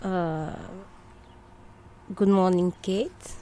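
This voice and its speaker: A Congolese woman from the Democratic Republic of Congo, with a Congolese French accent, tells her life story as an interview guest in short, hesitant English phrases. Her voice is lowish and dark, her tone steady, and she speaks very slowly in a conversational way.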